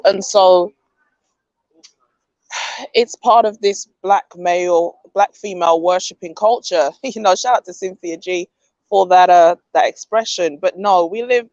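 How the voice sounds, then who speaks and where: A woman's voice: on the low side, a little mellow, no room sound. A woman hosts her own podcast stream and delivers firm, opinionated commentary, stopping to read viewer comments. She presses her points home with a pointed "okay?". Her voice comes through dull and lo-fi, with no room sound around it. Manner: opinionated, emphatic, often adds "okay?". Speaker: podcast host. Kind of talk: livestream commentary, reading chat comments.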